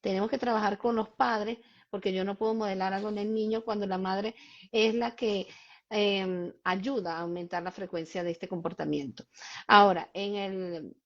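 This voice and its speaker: A woman speaking at an ordinary middle pitch, hosting a live stream as a child behavior specialist. She explains emphatically and keeps turning to concrete examples for parents. The stream audio sounds slightly dull and lo-fi. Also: fairly even intonation, normal speed.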